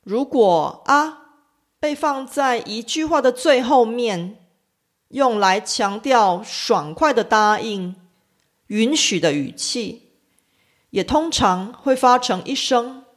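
A woman teaching a language lesson, explaining pronunciation with deliberate, clearly enunciated speech. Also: a little high, animated.

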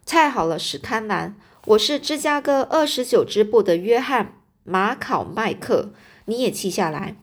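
A woman's voice: a little high, expressive, measured pace. A woman voicing a guarded, evasive young man in a storybook reading. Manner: curt, evasive replies.

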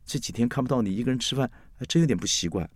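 A man's voice: mid-range voice, expressive, rapid-fire, no room sound, studio quality, voice pushed up, close to an everyday voice. A man voicing a dreamy, food-loving young girlfriend who gushes with delight. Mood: tender.

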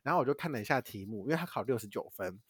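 Young male podcast co-host, from Taiwan, quick and animated storyteller, dry close mic. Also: mid-range voice, breathy edge, no echo. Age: young adult. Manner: animated, swears casually, laughs while telling. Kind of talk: casual storytelling chat.

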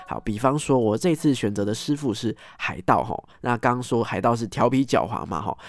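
A man telling a story as host, animated, acting out scenes and ending phrases with soft tag particles. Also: mid-range voice, brisk, dry recording, studio quality. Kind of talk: casual storytelling monologue.

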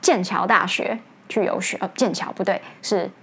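A woman's voice: steady tone, normal speed, sharp tone, husky. Lady teacher, casual lesson talk, chatty, laughs a lot, voice jumps up for emphasis. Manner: chatty, breaks into laughter, pitch jumps up when stressing points. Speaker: teacher hosting an English lesson show.

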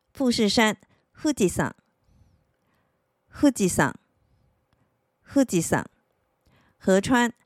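A woman giving a scripted language lesson, repeating each word slowly and clearly for learners to practice. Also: medium pitch, no echo, clean studio sound. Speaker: Japanese language teacher.

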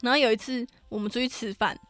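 Fast, bright-voiced Taiwanese woman telling stories. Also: on the high side, dry recording, soft background music. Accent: Taiwanese Mandarin. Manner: animated storyteller, laughs often, swears casually. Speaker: podcast co-host. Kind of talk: casual chat.

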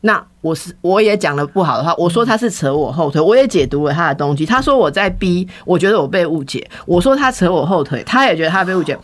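This is a woman in a relaxed podcast conversation. Her voice sits somewhat low for a woman. She tells a personal story candidly and animatedly, slipping into the voices of the people she quotes. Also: fast talker, few pauses. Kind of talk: casual chat, personal storytelling.

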